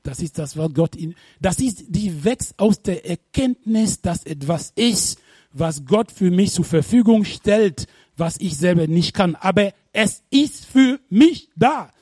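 A man preaching a sermon, animated, firing rhetorical questions at the congregation and sometimes bursting into shouts. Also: sits high, unhurried, husky, no echo, clean studio sound. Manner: bursts into shouts when retelling.

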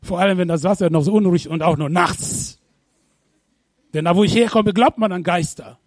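A man preaching a sermon, animated, firing rhetorical questions at the congregation and sometimes bursting into shouts. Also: high voice, brisk, dry recording, clean studio sound. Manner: bursts into shouts when retelling.

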